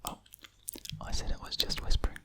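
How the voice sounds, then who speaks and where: A person whispering breathily in ASMR style, very close to the microphone with audible mouth sounds, rambling in an unhurried way. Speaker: ASMR video creator. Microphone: very close to a studio USB microphone.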